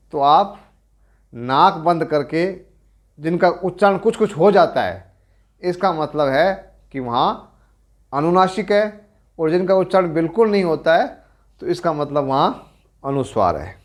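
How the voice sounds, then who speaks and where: A middle-aged man with a Rajasthani accent, giving a grammar lecture as a teacher, explaining slowly and deliberately and correcting himself as he goes. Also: on the high side. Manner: slow, deliberate explaining with pauses and self-corrections.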